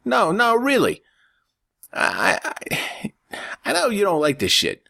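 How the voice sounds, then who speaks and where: High brash young mobster guy, pushy and crude, read by a man. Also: huge pitch swings, vocal fry, sharp tone, no echo, clean studio sound, heavily acted. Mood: earnest. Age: 20s. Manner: crude, pushy, fast-talking. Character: brash foul-mouthed young mobster brother.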